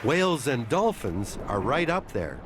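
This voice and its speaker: A man's voice: medium pitch, very animated, measured pace, crowd noise, background noise. A man reading scripted narration for a nature documentary. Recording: music behind the voice. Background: music.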